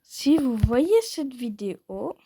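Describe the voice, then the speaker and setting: A woman's voice: sits high, big pitch swings, takes it slowly, warm tone, husky, no echo, studio quality. A woman giving casual commentary while playing a mobile game, rambling playfully and poking fun at herself. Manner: playful, rambling and self-mocking.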